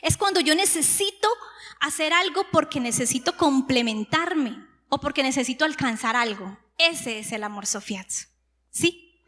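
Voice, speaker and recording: A woman delivers a teaching sermon, walking through each word and checking in with rhetorical questions. Her voice sits high. The sound carries a long reverb from a church hall. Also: pushed and bright. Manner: teaching, explains words step by step with rhetorical questions. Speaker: preacher.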